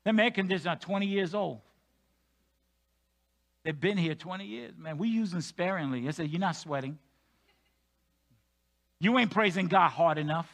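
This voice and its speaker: A male senior pastor preaching a sermon in a church, animated, moving between loud emphatic stretches and quiet joking asides. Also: high voice, normal speed, gravelly, long pauses.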